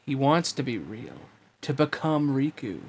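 A man playing a sly, manipulative young man who quietly coaxes another character in an audiobook. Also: medium pitch, sing-song, unhurried, husky, exaggerated voice. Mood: coaxing.

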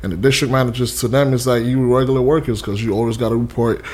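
A man's voice: mid-range voice, steady tone, quick pace, darkish tone. A young man from Haiti, talking casually in an interview, rambling with fillers and restarts. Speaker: interview guest, custom suit maker.

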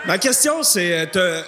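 A man, an audience member asking a question, joking and speaking slowly. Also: high voice, sharp tone. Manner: joking, careful and slow.

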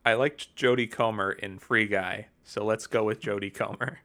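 A man's voice: lowish voice, steady tone, normal speed, pushed and bright. A man co-hosting a casual chat about TV awards, wry and offhand, trailing off with ums. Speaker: podcast co-host.

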